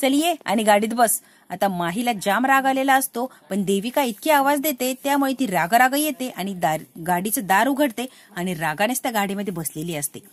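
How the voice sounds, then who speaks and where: A woman's voice: fairly high pitch, animated, brisk, few pauses, dry recording. A woman narrating a TV serial episode recap in a dramatic storytelling way.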